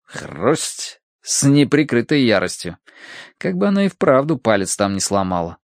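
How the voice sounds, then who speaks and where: Lively male audiobook narrator. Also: medium pitch, measured pace, gravelly, dry recording, studio quality. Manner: expressive, lively storytelling. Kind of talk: first-person audiobook narration.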